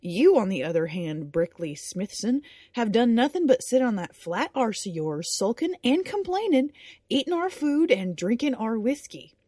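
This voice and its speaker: A woman's voice: mid-range voice, measured pace, warm tone, husky, no room sound. A stern, sardonic woman knight, voiced by a woman reading an audio story, scolds with a mocking edge that turns to a near growl. The sound is close and dry. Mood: scornful. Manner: mocking then growling, sinister.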